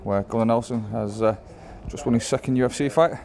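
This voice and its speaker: A man's voice: medium pitch, a little fast, creaky, a little mellow. A man working as an interviewer, asking casual, conversational questions about sport. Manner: informal, conversational. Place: backstage at a large arena. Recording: backstage arena interview with crowd noise.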